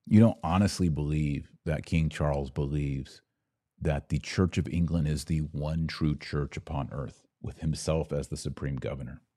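Deep and dark-toned, an American man speaks like a podcast host on a live show, reading comments aloud and replying with emphatic repetition in an opinionated, conversational way. His tone stays steady at a normal speed. The audio is close and dry, with barely any room sound and no echo.

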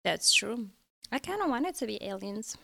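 A woman's voice: medium pitch, sing-song, normal speed, creaky, sharp tone. A woman in her late twenties from Morocco, a native Arabic speaker, chatting casually with a North African, Moroccan Arabic accent and often giggling as she talks. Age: late 20s. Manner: giggly, laughs often while talking. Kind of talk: casual chat.

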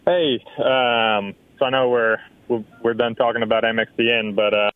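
A man's voice: mid-range voice, steady tone, moderate pace, no room sound. A man heard over the phone on a thin, tinny call-in line with no room sound around him. He starts out hesitant and then presses his question in a mid-range voice. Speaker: caller to a radio talk show.

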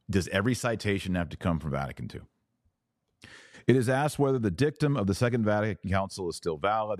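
Through a close mic at his webcam setup, a man with a deep, darkish voice hosts a podcast of opinionated religious commentary. He teaches forcefully, poses rhetorical questions, and reads passages at times, with dry audio and no echo.

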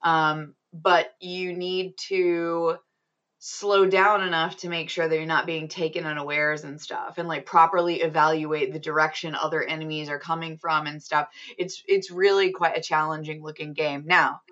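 A woman's voice: low-pitched, level tone, moderate pace, a bit bright, lo-fi sound. A woman hosting a casual gaming podcast, chatty and upbeat with frequent ums. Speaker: podcast host.

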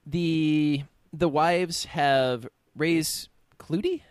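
A woman's voice: low-pitched, very slow, a little mellow, clear, resonant tone, dry recording, clean studio sound. A woman co-hosting a casual TV recap, talking in a wry, exaggerating, jokey way. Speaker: podcast co-host. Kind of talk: casual chat recapping a TV episode.

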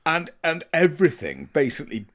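A man's voice: a little high, wildly swooping pitch, a little fast, fairly bright tone. A man co-hosting a podcast in casual chat, wry and playfully opinionated. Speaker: podcast co-host.

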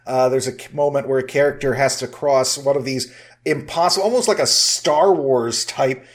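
Man hosting a film review chat. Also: mid-range voice. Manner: talkative, measured, with frequent "uh" fillers. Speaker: film review podcast host.

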